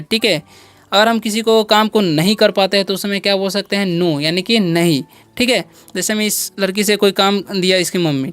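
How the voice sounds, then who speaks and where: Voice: mid-range voice, clear, resonant tone, no echo. Patient teacher drilling with quiz-like repetition. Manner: drills by asking and answering own questions. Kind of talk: English vocabulary lesson for children.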